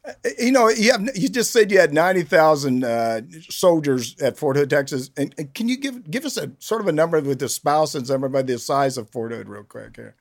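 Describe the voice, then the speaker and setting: A man's voice: on the high side, lively intonation, brisk. An older man hosting a military podcast in a jovial, gung-ho, casual way, often chuckling as he talks. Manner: jovial, chuckling, gung-ho army talk with hooah shouts. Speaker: podcast host, retired army senior enlisted leader.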